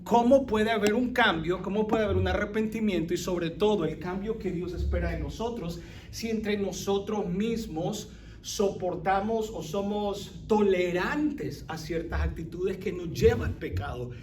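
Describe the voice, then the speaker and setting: A man leading an interactive sermon as pastor, animated, quizzing his listeners and dropping English phrases. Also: sits high, unhurried, reverberant, far from the mic, slight background noise. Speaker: pastor leading a Bible study.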